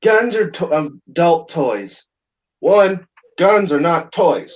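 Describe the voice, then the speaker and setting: A man's voice: on the high side, animated, takes it slowly. A man hosting a livestream, chatting in a rambling, blunt and crude joking way. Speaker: livestream host. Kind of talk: rambling casual chat. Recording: dull lo-fi sound.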